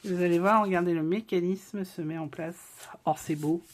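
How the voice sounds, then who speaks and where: A woman's voice: lowish voice, steady tone, moderate pace, a little mellow. A woman hosting a casual craft tutorial, chatting as she works and checking in with viewers as she goes. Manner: chatty, talks straight to viewers with frequent check-ins. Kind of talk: casual step-by-step craft demonstration.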